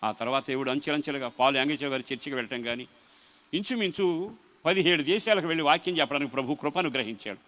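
A middle-aged man, a pastor preaching his testimony and swelling into loud emotional cries. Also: a little high, lively intonation, fast talker, poor audio. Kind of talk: testimony sermon.

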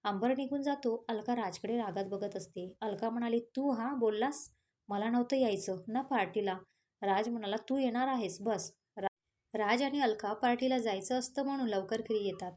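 A woman's voice: fairly high pitch, normal speed, a little mellow. A woman reading a romance story aloud as storyteller, voicing all the parts herself, with small slips and restarts.

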